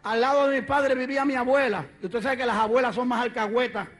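Fervent high-voiced male preacher. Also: fairly even intonation, fast talker. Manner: fervent, shouting praise, swinging from quiet storytelling to loud exclamations. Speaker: evangelist preacher. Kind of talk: testimony sermon.

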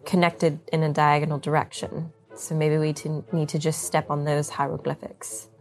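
A woman playing a tabletop game, speaking partly in character, eager and quick to take the lead. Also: low voice, little pitch movement, faint music behind. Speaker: player.

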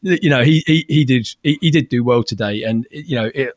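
A man talking through a football match on a podcast, working his points out carefully and repeating words as he gets going. His voice sits at an ordinary pitch and sounds close and dry, with no room around it. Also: moderate pace, no echo. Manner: thoughtful, repeats words when starting. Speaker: podcast co-host. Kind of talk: casual football podcast chat.

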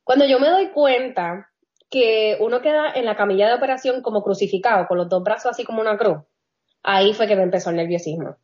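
A woman from telling a personal story in a casual chat, animated, laughing often and mixing in English phrases. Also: mid-range voice, quick pace. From Puerto Rico. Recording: dull lo-fi audio.

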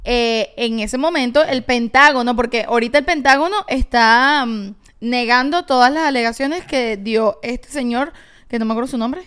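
A woman's voice: a little high, moderate pace, fairly bright tone, clear, resonant tone. A young woman co-hosting a podcast, chatting expressively and laughing easily. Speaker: podcast co-host. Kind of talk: casual chat.

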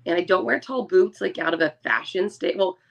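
A woman with a moderately low voice co-hosts a podcast. She chats casually, with informal, laid-back wording, in the style of an everyday conversation. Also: expressive, brisk, gravelly. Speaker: podcast co-host. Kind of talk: casual chat.

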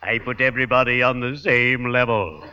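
A man playing a morbid, courtly gravedigger in an old-time radio comedy, speaking formally and deliberately with ghoulish good cheer. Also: mid-range voice, fairly even intonation, close to an everyday voice. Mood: ghoulish relish. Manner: formal, deliberate, drawn-out macabre puns. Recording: noisy, dull old radio recording.

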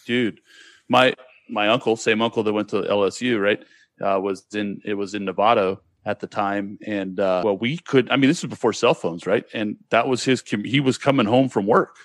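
In studio-quality audio without room sound, a man in his forties from California recounts childhood stories at normal speed. His voice is fairly low with fairly even intonation. He chats casually in a Californian American accent, dropping "dude" and "bro."

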